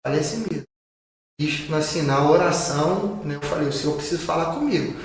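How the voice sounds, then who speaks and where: In a podcast, a pastor with a Brazilian Portuguese accent shares his personal testimony, telling it earnestly and repeating phrases for emphasis. His male voice is a little high and moves at normal speed. The room is very echoey, the mic distant, with faint noise.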